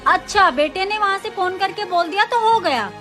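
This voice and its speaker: Woman playing bossy mother-in-law, teasing, high voice, light music. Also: lively intonation, normal speed, bright, forceful tone, heavily acted.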